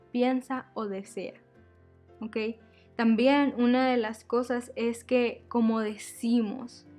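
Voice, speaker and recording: A woman giving a devotional teaching to women, earnest and repeating her key phrases as she addresses her listeners as sisters. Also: on the high side.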